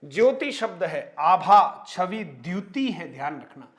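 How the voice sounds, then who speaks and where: Very animated and taking his time, a man with a high, fairly bright voice leads a Hindi grammar class for exam preparation. He reels off synonym lists and pauses to flag new vocabulary and spellings, calling his viewers friends and tossing in tag questions often.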